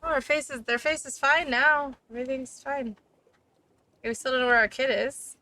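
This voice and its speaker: Bright-voiced woman playing a video game. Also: high voice, fairly even intonation, moderate pace, no room sound. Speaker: gaming video host. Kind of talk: casual game playthrough commentary.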